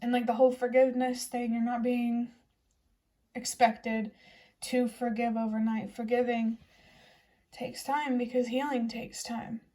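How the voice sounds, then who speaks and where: A young woman chats through a tarot reading in a gentle, reassuring manner. Her voice sits a little high but sounds mellow and dark-toned. She speaks in an even, level way. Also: measured pace. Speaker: tarot reader. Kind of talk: casual tarot reading to camera.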